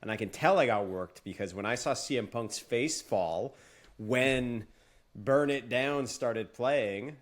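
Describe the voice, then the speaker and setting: A man co-hosting a wrestling podcast in casual chat, expressive and playful. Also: mid-range voice, takes it slowly. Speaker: podcast co-host.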